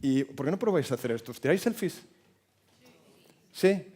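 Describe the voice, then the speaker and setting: Man in his 50s, Spain Spanish accent, speaker at a forum, animated storyteller who works the audience. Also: fairly high pitch, normal speed, husky. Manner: animated, jokes with the audience and asks it questions. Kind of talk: motivational talk with storytelling.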